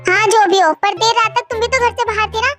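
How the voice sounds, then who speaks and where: A young woman plays a sheepish middle-aged father, defensive and placating, in a very high voice. Soft music plays behind. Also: steady tone, racing. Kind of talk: storybook voice acting. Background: faint background music.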